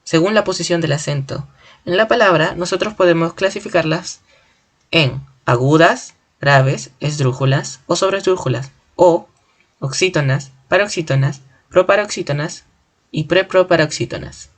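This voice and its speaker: Teacher explaining grammar, syllable by syllable. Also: medium pitch. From Peru. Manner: clear, deliberate, spells out syllables slowly. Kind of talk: spoken grammar lesson.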